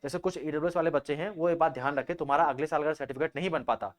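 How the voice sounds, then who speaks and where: Calling his students bhaiya and repeating his points over and over, a young entrance-exam coach explains things casually at great speed. His voice is fairly high for a man, with a steady tone.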